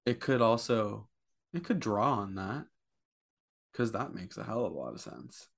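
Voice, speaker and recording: Co-host, male, 30s, lowish voice, hesitant and curious, fumbles for words. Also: animated, a little slow, gravelly, husky. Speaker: podcast co-host. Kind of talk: casual chat.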